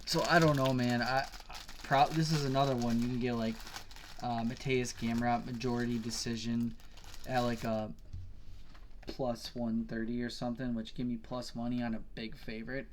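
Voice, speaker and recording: Rambling casual man with a flat voice. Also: medium pitch, moderate pace, slight background noise. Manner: rambling, swears, self-corrects often. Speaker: podcast co-host. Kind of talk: casual betting-picks chat.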